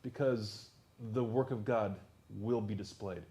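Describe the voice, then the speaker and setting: A man preaching a sermon. He swings from loud outbursts to hushed near-whispers and repeats words as he builds a point. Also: on the low side, steady tone, a little slow. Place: church service.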